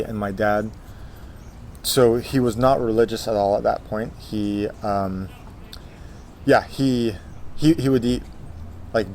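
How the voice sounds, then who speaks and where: A young man in his twenties with a lowish voice tells his life story, stopping and restarting often with plenty of ums. Faint noise sits under the recording. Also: a little mellow. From Texas, USA. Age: 20s. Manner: hesitant, many fillers and restarts. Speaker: interview guest. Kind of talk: casual life-story interview.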